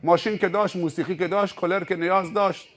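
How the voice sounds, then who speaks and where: High-voiced preacher telling a parable. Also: male voice. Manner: animated storytelling with rhetorical questions. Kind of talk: sermon.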